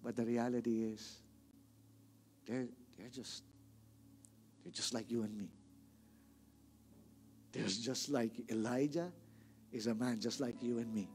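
A man's voice: medium pitch, steady tone, a little slow, pauses often, darkish tone, husky. A male pastor with a Filipino accent preaching a sermon in a church, emphatic, repeating words and calling on the congregation to answer back.

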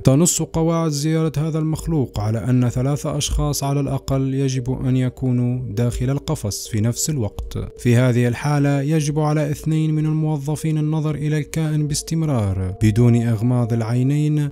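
A man's voice: medium pitch, dark tone. A man hosting and narrating scripted creepy stories. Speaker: channel host and narrator.

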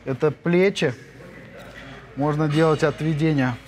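A man's voice: a little high, measured pace, darkish tone. Upbeat man touring a big gym. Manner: enthusiastic, chatty, hesitant fillers. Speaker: fitness vlogger. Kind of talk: walking gym tour. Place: large indoor gym. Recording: music playing under the voice. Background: background music.

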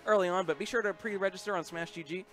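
A man's voice: high-pitched, steady tone, very fast, fairly bright tone, faint music behind. A young man commentating a gaming tournament on a headset and promoting upcoming events, upbeat and rambling, with many fillers. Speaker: esports commentator and event organizer. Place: small game center room with shelves.

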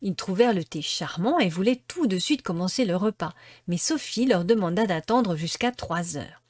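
A woman reading a classic storybook aloud with expressive, lively narration. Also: on the low side, moderate pace, no room sound. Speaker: storybook reader.

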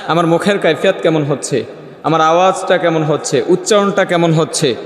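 A middle-aged man teaching Quran recitation to a class, chanting verses and drilling students syllable by syllable. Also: on the high side. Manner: chanted recitation alternating with quick scolding Bengali explanation. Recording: echoey hall, voice from a distance, music behind.

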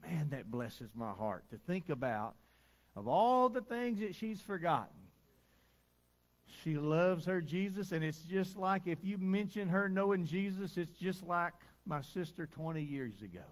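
Folksy preacher, fairly high voice. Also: male voice, expressive, a little slow. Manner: down-home, chuckling, conversational preacher. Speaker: pastor. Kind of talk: folksy sermon storytelling. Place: church service.

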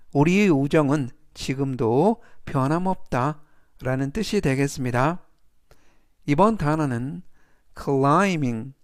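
A man teaching English vocabulary in Korean, saying each English word slowly several times and then explaining it in polite, set phrases. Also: on the high side, no room sound, studio quality. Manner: formulaic polite lecturing phrases. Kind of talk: slow, deliberate vocabulary lesson.

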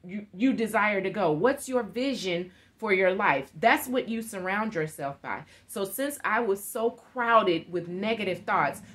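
Speaking as a guest over a webcam on a live video call, a woman in her thirties delivers an earnest motivational talk from her living room. She has a fairly bright, medium-pitched voice, laughs frequently and gestures while talking.

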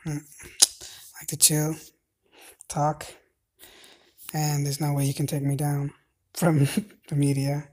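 A man in his thirties from Cambodia, rambling to a phone camera with many pauses and fillers while lying on a bed in a dim bedroom. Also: a little high, monotone, dark tone. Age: 30s. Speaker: vlogger. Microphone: phone held at arm's length.

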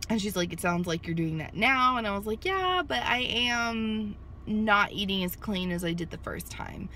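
Parked in a sunny lot, a vlogger in her thirties chats to a handheld phone at arm's length, rambling with many fillers and restarts. Her mid-range voice is expressive, bright and forceful at a moderate pace, and there's slight background noise.

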